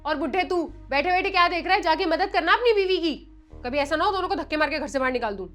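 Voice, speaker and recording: Actress as insulting young daughter-in-law, commanding, high voice, light music behind. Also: female voice, lively intonation, fast, a bit bright. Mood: contemptuous.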